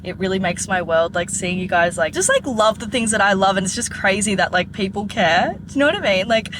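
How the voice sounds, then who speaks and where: A woman's voice: mid-range voice, lively intonation, fairly quick, background noise. A young woman from the UK chatting casually in a reading vlog, enthusiastic and full of filler words. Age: young adult. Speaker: book vlogger.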